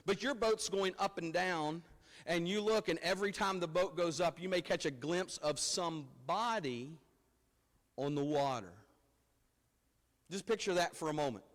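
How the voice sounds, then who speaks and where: A man who is a pastor speaks at a pulpit microphone, his somewhat high voice ringing through a church hall with a long echo. He preaches in a loose, conversational way, often stumbling over repeated words. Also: normal speed. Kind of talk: sermon. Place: church sanctuary.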